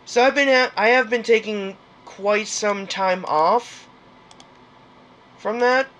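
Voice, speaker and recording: A man's voice: high voice, takes it slowly, a bit bright. A young man hosting a gaming channel, chatting casually and hesitantly with many fillers and restarts. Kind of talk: casual game commentary outro.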